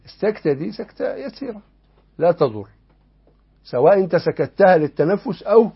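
A man's voice: high-pitched, sing-song, brisk, creaky, slightly rough. A man with an Egyptian Arabic accent teaching a lesson on Islamic law, explaining a text and asking his listeners rhetorical questions. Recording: dull lo-fi lesson recording.

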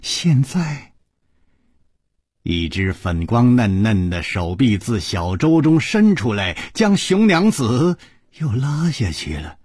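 A man narrating a martial-arts novel in expressive Chinese radio storytelling style. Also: breathy edge, no echo, studio quality. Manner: slow, expressive narration with lively pitch.

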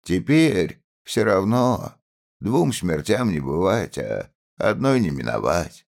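A man voicing a blue-eyed peasant with a strong voice who speaks slowly and calls out to the crowd. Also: low-pitched, sing-song, vocal fry, darkish tone, full character voice. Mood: resigned calm. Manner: slow, then urgently calling out to the crowd. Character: calm blue-eyed peasant man, resigned then rousing.

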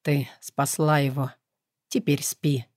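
A stern, protective male demon lord, voiced by a woman narrator in a storybook reading. He speaks low and hushed, with a quiet authority. The reading is close and dry. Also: fairly even intonation, normal speed, dry recording, natural voice. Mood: calm.

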